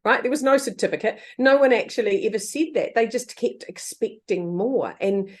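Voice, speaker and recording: A woman in her fifties, a guest author in a casual interview chat, who talks lively, laughs often and acts out quoted voices. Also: fairly high pitch, moderate pace.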